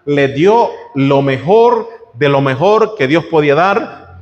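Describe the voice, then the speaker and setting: Animated male preacher in a reverberant hall. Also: on the high side. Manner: animated preaching with rhetorical questions to the congregation. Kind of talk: sermon.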